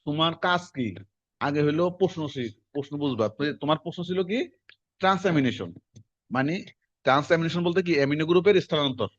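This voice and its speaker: A man, teaching a class in quick, conversational lecture style and quizzing his students as he goes. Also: fairly high pitch, expressive, dry recording. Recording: dull lo-fi classroom recording.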